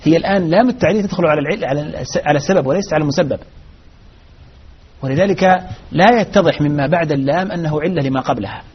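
A man teaching Arabic grammar in a live lesson, explaining in a measured way with frequent restarts. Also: a little high, breathy edge. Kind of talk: live lesson answering questions. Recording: dull lo-fi recording.

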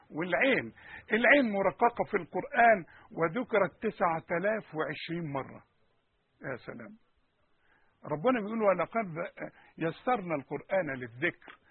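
A man with an Egyptian Arabic accent teaching Quranic pronunciation, repeating sounds and questioning his listeners in an animated way. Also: sits high, normal speed, husky, dry recording, phone-quality sound.

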